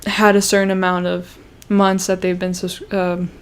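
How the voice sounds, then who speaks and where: In a fairly low, monotone voice that's clear and resonant, a young Canadian YouTuber chats at normal speed on her livestream. She comes across as self-conscious, rambling and restarting with plenty of fillers.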